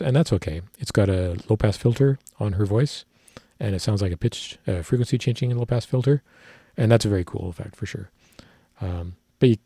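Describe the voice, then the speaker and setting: Husky low-voiced man musing about music. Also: warm tone, dry recording, clean studio sound. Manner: rambling, technical, thinks aloud with self-corrections. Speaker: musician reacting to a music video. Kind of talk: casual music analysis.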